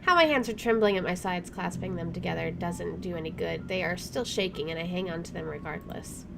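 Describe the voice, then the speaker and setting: A woman streams a let's play, reading the game's narration aloud and reacting with informal commentary over game music. Her voice is on the low side and fairly quick, with noticeable vocal fry.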